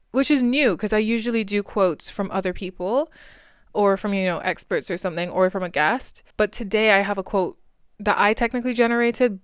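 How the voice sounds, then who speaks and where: Young woman, twenties, solo podcast host; chatty and rambling, very clean smooth voice, dry close sound. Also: medium pitch, no echo. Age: 20s. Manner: chatty, rambling, self-deprecating.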